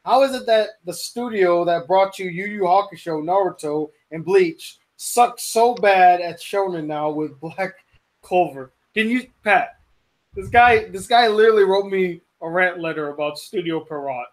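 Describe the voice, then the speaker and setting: A young man hosting a casual live-stream chat, animated and ranting, with quick asides. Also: sits high. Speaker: host.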